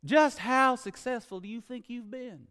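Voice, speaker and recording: A man's voice: sits high, animated, fast talker, voice pushed up. A man doing a pushy reporter. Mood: prodding. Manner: prodding, needling. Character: pushy small-town male newspaper reporter. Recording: long church reverb.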